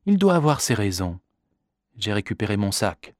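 A man reading a story aloud, voicing a cool, impatient well-off gentleman who speaks dismissively. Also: fairly low pitch, big pitch swings, normal speed, no echo, clean studio sound. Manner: detached, dismissive.

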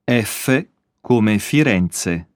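A man's voice: lowish voice, animated, drawn-out words, dry recording, studio quality. A man reading a scripted language lesson, spelling out each letter with an example word. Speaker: language course reader.

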